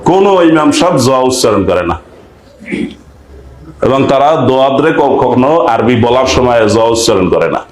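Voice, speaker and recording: A man's voice: medium pitch, sing-song, normal speed. Preacher man in echoey hall. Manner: rhetorical questions to the audience, acts out village dialogue. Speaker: preacher giving Quran commentary. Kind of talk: sermon.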